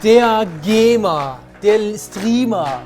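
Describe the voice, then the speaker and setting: A man in his thirties hosting a quiz show, announcing loudly with ironic patter. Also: high voice, animated, very slow. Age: 30s. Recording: clear music under the voice.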